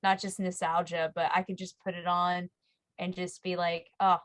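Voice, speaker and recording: Lively woman recounting a favorite show. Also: on the low side, moderate pace, no room sound. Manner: lively, acts out quotes and laughs. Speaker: podcast guest. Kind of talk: casual roundtable chat.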